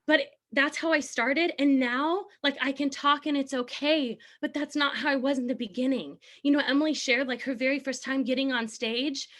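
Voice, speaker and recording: A woman in her thirties gives a motivational talk to her team. Her voice sits a little high, and she speaks in an earnest, encouraging way. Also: moderate pace, few pauses, fairly bright tone. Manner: earnest, encouraging, sometimes laughing. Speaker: team leader.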